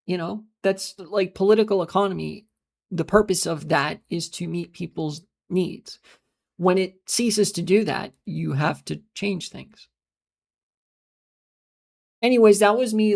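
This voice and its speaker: A mid-range voice with vocal fry belongs to an American streamer who talks casually and meanders. Swearing is frequent, sentences fade into filler sounds, and chat messages get answered along the way.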